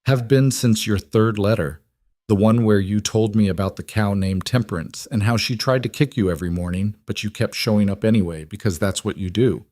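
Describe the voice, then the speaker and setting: A man voicing a gentle, patient frontier man who speaks kindly and without hurry in an audiobook story. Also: lowish voice, no room sound, clean studio sound, natural voice. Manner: gentle, unhurried.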